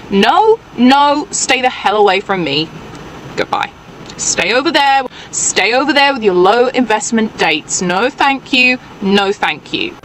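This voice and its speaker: Dismissive woman ranting, higher voice. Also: fairly bright tone, slight background noise, rough recording. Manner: dismissive, emphatic. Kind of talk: ranting social media clip.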